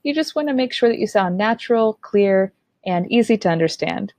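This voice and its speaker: A young adult woman giving an online lesson on public speaking, with a clear, upbeat instructional delivery. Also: medium pitch, expressive, brisk, darkish tone, no room sound.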